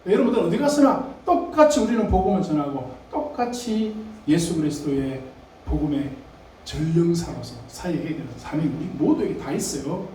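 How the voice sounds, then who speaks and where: Male pastor, sermon, mellow slightly high voice, heard from a distance in a big echoing church. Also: expressive, brisk, a little hiss or hum. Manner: conversational preaching, asks the congregation questions. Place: church sanctuary. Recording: echoey church hall, mic at a distance.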